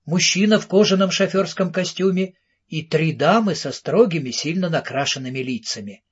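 Husky-voiced man narrating a storybook. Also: fairly high pitch, muffled recording. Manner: measured storybook reading. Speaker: audiobook narrator. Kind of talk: scripted narration.

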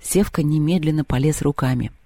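A man narrates a story in an expressive audiobook reading. His voice sits slightly high yet mellow, and the recording is dry and close. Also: fairly quick, no echo. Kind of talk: scripted narration.

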